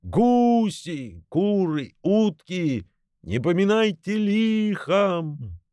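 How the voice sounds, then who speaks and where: A man voicing a bossy, angry male gander who hisses and shouts orders, in a storybook reading. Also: on the high side, wildly swooping pitch, drawn-out words, no room sound, clean studio sound, pitched above the performer's own voice, full character voice. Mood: shouting. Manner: hissing, shouting commands.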